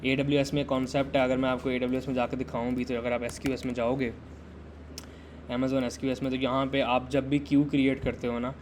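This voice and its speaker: A man's voice: medium pitch, level tone, fast talker, background noise. A man teaching a live-streamed system design lesson in a conversational way, quizzing viewers and waiting for answers in the chat. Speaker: tech instructor.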